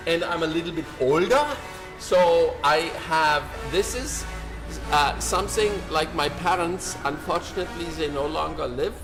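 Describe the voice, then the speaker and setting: A middle-aged German artist with a high-pitched voice rambles through a self-recorded vlog rant, animated and self-mocking, repeating phrases as he goes.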